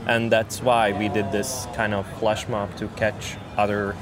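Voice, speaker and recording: Young Hungarian-accented man, low voice. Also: level tone, unhurried. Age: young adult. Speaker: university student guest. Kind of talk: casual interview answers. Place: outdoor restaurant garden.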